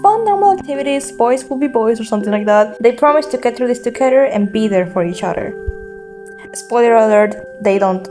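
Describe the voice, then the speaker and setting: A woman's voice: on the high side, a little fast, rough recording. A woman narrating a fan story in a casual, recorded voice-over, with a wry, offhand, joking delivery. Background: soft game soundtrack music.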